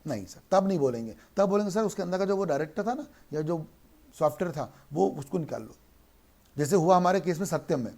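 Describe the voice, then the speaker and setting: A man teaching a law class in Hindi mixed with English, who keeps asking questions and answering them himself, and slows down to read English lines aloud. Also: fairly high pitch, animated, gravelly, warm tone. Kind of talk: online lecture.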